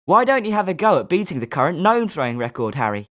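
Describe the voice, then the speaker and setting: Encouragement comes quickly in this take: a woman acts a confident British schoolboy wizard, her pitch a little low. Her delivery has a very lively lilt that suits a competitive, sporty game character.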